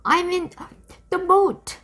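A nervous, careful young boy in a storybook reading, acted by a woman. His raised voice is anxious and slow, with a soft husk. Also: high voice, big pitch swings, breathy edge, pitched above the performer's own voice, exaggerated voice. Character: cautious worried young boy, bookish and careful.

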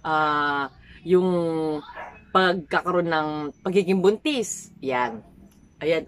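A woman from the Philippines, vlogging casually and chatting straight to her viewers with lively swings in her voice. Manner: chatty, addresses viewers as guys, animated pitch swings. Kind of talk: casual vlog talk to viewers.

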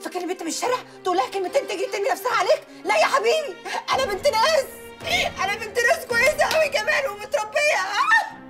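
A woman's voice: very high-pitched, animated. An actress playing a proud young working woman who snaps back indignantly and fights tears. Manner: sharp, indignant, fast retorts. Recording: film soundtrack with music underneath.

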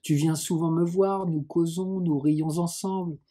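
A man reading the lines of a gentle, pious young blind woman in an audiobook, in a soft, serene, resigned way. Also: on the high side, steady tone, a little slow.

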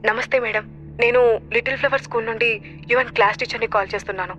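A woman's voice: on the high side, steady tone, fast, a bit bright, highs cut off, faint music behind, lightly acted. A woman voicing a defensive, arrogant female schoolteacher in an audio drama. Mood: flustered. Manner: flustered then haughty.

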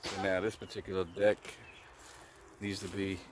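A man's voice: sits low, moderate pace. A man narrating a deck-staining job outdoors, explaining steps and giving short directions to his crew. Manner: relaxed, instructive, gives short directions. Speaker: handyman instructor narrating a job. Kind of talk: casual on-site narration and coaching. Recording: outdoor camera audio with noise.

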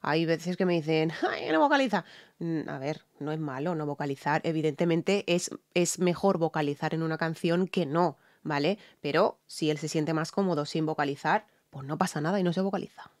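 A woman's voice: low voice, steady tone, normal speed, hardly any pauses, darkish tone. Chatty Spanish woman breaking down vocals. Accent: Spain Spanish. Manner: chatty, explains vocal technique with many fillers. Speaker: singer reacting to and analysing a song. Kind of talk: casual reaction commentary.

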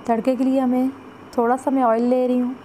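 A woman's voice: sits high, level tone, fairly quick, warm tone, a little hiss or hum, rough recording. Woman chatting through a home recipe. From Pakistan. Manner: chatty, repeats "jo hai" and "ye dekhein" while showing the pot. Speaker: cooking vlogger. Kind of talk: step-by-step cooking instructions. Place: home kitchen at the stove.

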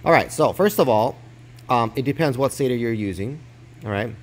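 Speaking at a medium pitch and moderate pace, this man is expressive as he explains crypto mining hardware step by step in a relaxed hands-on tutorial. He sits at a desk indoors, filming his hands up close on his phone.

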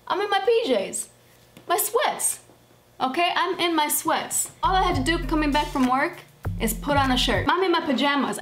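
A woman vlogging straight to camera in casual chat, emphatic and repeating phrases for punch. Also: high voice. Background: background music.

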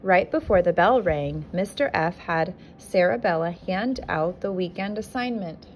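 A kindergarten teacher with a slightly low voice reads a picture book aloud to young children, expressive and deliberate in a classic teacher style. She is recorded indoors on a handheld phone filming the book, with clear background noise around her voice.

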